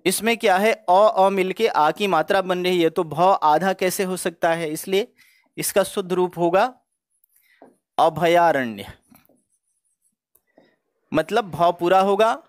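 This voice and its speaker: A man's voice: high-pitched, slow pace, long pauses, dry recording. A man teaching Hindi spelling for exam preparation, going word by word in a methodical, explanatory way. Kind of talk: exam-prep spelling lesson.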